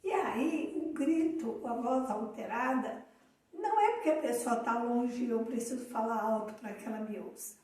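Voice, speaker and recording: A woman with a Brazilian accent co-hosting a live talk, telling a story in a calm, reflective way. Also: on the high side, normal speed. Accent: Brazilian Portuguese. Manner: calm, reflective, tells anecdotes. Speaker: co-host of a live talk on emotional awareness. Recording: echoey room, far from the mic.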